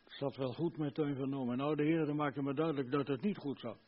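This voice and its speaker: An older man preaching a sermon, fervent, swinging between loud emphasis and hushed earnestness. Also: medium pitch, steady tone, a little fast, muffled recording.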